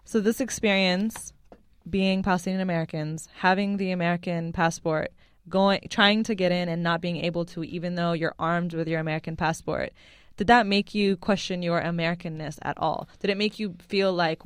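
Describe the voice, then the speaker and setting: A woman from Lebanon hosting a casual podcast discussion, talking in animated runs full of "like" and "you know". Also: fairly low pitch, normal speed, smooth, no echo, studio quality.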